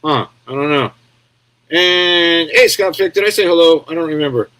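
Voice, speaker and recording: Male host, slightly high voice, crude sarcastic rambling commentary, keeps asking "yeah?". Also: moderate pace, sharp tone. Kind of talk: casual commentary on clips.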